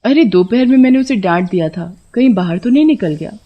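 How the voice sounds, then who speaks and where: A woman voicing a chatty, plant-loving young wife who scolds her husband in an animated horror story. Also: medium pitch, fairly quick, muffled recording, close to an everyday voice.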